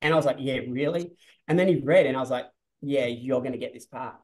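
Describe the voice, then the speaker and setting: A man in his forties chatting over a webcam. He rambles loosely, restarts his sentences and leans on filler words, with a middling pitch. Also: fast, a little mellow, low-quality recording. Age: 40s. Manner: rambling, restarts often, says "like" a lot. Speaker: film director. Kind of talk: casual interview on a video call. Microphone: video call webcam.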